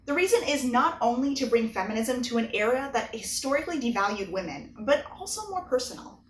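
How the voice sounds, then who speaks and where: A woman's voice: fairly high pitch, sing-song, fairly quick, a bit bright, a little hiss or hum. A woman author giving a chatty, earnest video update to her readers. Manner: chatty and earnest, with bursts of laughter. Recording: echoey room, mic at a distance.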